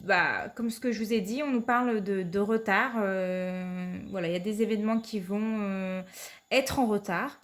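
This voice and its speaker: This woman, a card reader with a cold, delivers a weekly card reading to her viewers at normal speed in a mid-range voice. Hesitant and heavy on fillers, she often falls back on the phrase "tout simplement."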